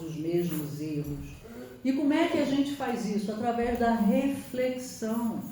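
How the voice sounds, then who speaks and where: A woman's voice: a little high, mellow. A Brazilian woman, a psychologist, giving an earnest spiritual lecture to an audience, posing rhetorical questions and answering them with emphasis. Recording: echoey hall, distant mic, faint noise.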